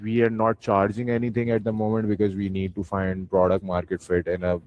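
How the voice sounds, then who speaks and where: Casting: male founder, Pakistani accent, deep voice, conversational and hedging, over a phone-like online connection. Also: monotone, a little fast, slight background noise. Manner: hedging, peppers talk with "you know". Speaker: startup founder presenting and answering questions. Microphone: online voice call. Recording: muffled phone-like call audio, roomy echo.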